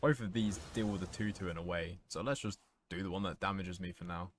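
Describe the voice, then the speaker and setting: A man's voice: low-pitched, fairly even intonation, brisk, a little hiss or hum. A man thinking aloud in casual, wry and sweary commentary as he plays a card game. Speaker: gaming content creator playing a card game.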